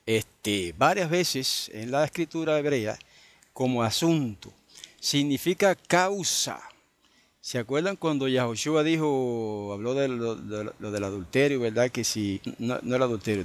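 A man, teaching an informal Bible study and stopping often to check in with his listeners. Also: mid-range voice. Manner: conversational, full of tag questions and fillers.

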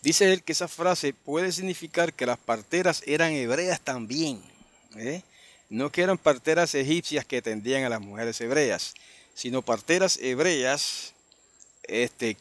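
Man, Bible teacher, mid pitch; unhurried verse-by-verse teaching, checks in with listeners often. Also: animated, fairly bright tone, no room sound. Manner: unhurried, explanatory, with frequent tag questions.

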